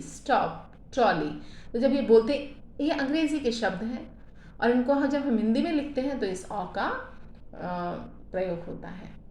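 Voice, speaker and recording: A woman teaching a school grammar lesson, explaining patiently, checking in with her students, and modeling sounds aloud for them to repeat. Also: mid-range voice. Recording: echoey room with faint ambient noise.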